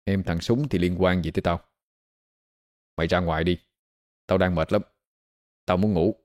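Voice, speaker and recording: Cruel young master, read by a man, low cold threats, dark quiet voice, ghost story. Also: fairly even intonation, normal speed, natural voice. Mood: cold irritated.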